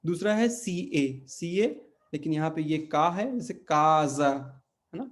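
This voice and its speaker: With an animated, high-leaning voice, a man teaches a language class online. He explains slowly and step by step, with plenty of fillers and frequent questions to check understanding.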